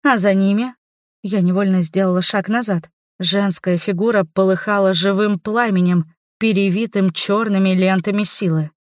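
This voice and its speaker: A woman narrates a fantasy audiobook in the first person, telling it with lively, wry storytelling. Her voice sits at an ordinary middle pitch. The sound is dry and close, with no room around it. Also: normal speed, no echo.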